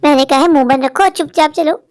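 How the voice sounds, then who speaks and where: A harsh, curt young mother in a cartoon tale, voiced by a woman. She scolds sharply, in a high voice. The sound is dry and close. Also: fast talker, no room sound, close to an everyday voice. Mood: scolding. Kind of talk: dubbed Hindi cartoon story.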